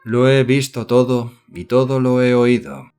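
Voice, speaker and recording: Man voicing an excitable young idealist, effusive, lively pitch, faint music. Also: measured pace, slightly rough, exaggerated voice. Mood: earnest. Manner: eager and effusive.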